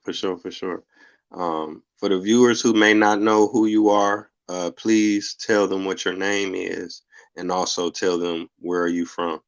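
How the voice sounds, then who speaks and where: A man hosting a podcast interview, laid back and relaxed, with frequent fillers. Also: low-pitched, unhurried, lo-fi sound. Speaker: podcast host. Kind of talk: casual interview.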